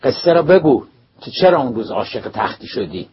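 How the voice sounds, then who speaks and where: A man voicing a stern male geometry teacher who presses a pupil firmly while calming the principal, recorded dull and lo-fi. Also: mid-range voice, voice pushed up. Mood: pressing. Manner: firm, pressing, mediating. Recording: dull lo-fi recording, faint hiss.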